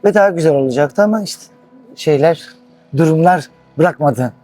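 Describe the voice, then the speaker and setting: A middle-aged man from Istanbul, speaking halting, slightly broken in a casual street interview. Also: fairly high pitch, expressive, mellow, faint music behind. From Istanbul, Turkey. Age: middle-aged to 60s.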